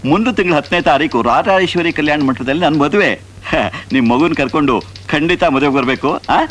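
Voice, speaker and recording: A man's voice: on the high side, brisk, a bit bright. An actor playing a cheerful, jovial office colleague who invites everyone to his wedding. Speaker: film character.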